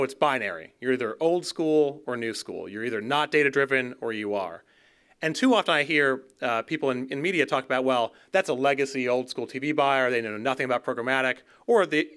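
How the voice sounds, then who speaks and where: A man's voice: medium pitch, pushed and bright. A man in his thirties giving a conversational conference keynote from a stage podium, sometimes repeating words as he restarts a phrase. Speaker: keynote speaker. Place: dark auditorium stage. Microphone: podium gooseneck mic.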